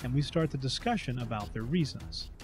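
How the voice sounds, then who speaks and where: A man's voice: mid-range voice, big pitch swings, fairly quick, over music. A man giving scripted narration as he recaps a party game.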